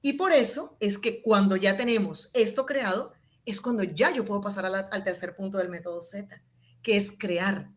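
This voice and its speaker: As a guest in an interview, this woman describes her technique for speaking in public, using a mid-range voice at a moderate pace. She changes tone and loudness expressively to show what she means.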